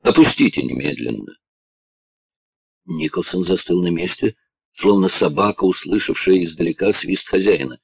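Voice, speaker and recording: A man narrating an audiobook in a measured, even storytelling manner. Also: low voice, slightly rough, no echo. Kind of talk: scripted narration. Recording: dull, muffled dry recording.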